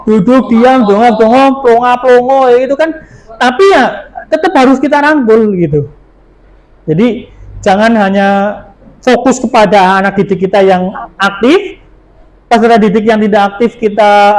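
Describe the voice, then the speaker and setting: A man presents to a room of fellow teachers. He explains things step by step, pausing on fillers, and now and then acts out a little scene to make his point. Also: sits high, darkish tone, low-quality recording. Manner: explanatory, with many fillers and acted asides. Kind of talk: workshop presentation.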